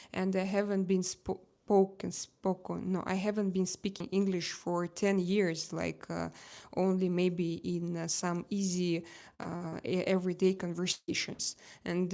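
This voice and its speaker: A native Russian speaker from Russia hosts a live stream, chatting casually in halting English with a Russian accent and frequently searching for words. Her voice sits on the low side and sounds a little mellow.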